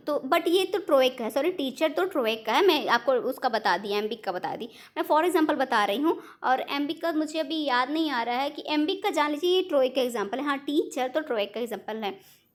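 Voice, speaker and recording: A woman's voice: high voice, expressive, measured pace. A woman teaching an online exam-prep lesson, explaining step by step in Hindi mixed with English terms and correcting herself as she goes.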